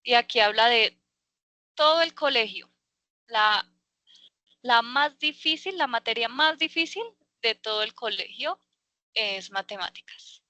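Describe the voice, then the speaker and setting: Slow bright-voiced woman teacher. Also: a little high, expressive, no room sound. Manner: patient, explains slowly with many fillers. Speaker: English teacher. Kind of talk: online class. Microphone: video call.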